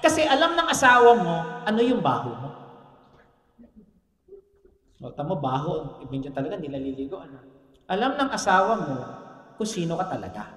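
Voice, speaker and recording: Lively Filipino pastor in echoey hall. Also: male voice, fairly high pitch, fast talker. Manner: joking, teasing the congregation. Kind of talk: sermon. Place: church hall. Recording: echoey church hall, long reverb.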